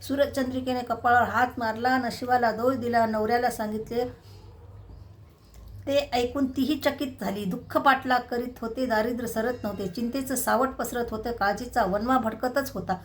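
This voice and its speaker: A middle-aged woman narrating a devotional tale in a steady, measured reading voice. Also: on the high side. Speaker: storyteller.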